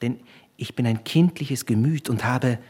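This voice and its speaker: Guy reading a spacey young student, rapturous, husky voice. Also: mid-range voice, a little slow, a little mellow. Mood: fervent. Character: dreamy, unhinged young male student.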